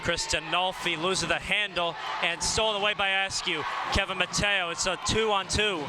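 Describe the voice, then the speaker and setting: Guy calling hoops play by play, kinda high voice, noisy arena mix. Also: fairly even intonation. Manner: rapid, rising calls on big plays. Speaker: play-by-play announcer. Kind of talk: live sports commentary. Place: basketball arena.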